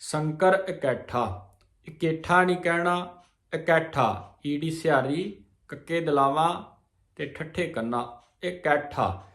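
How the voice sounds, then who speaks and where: A man teaching scripture pronunciation, reciting each verse slowly and then spelling out its syllables. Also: on the high side, fairly bright tone, roomy sound. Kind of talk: slow pronunciation lesson on scripture.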